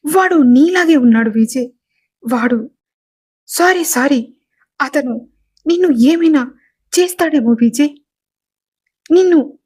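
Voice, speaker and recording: A woman's voice: on the high side, breathy edge. A woman voicing a frightened, pregnant young wife who stammers and sobs as she pleads with her husband. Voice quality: sobbing, stammering speech.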